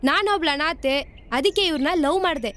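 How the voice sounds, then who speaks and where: A woman's voice: high-pitched, fairly quick, background noise, lightly acted. A woman playing an earnest young orphan bride.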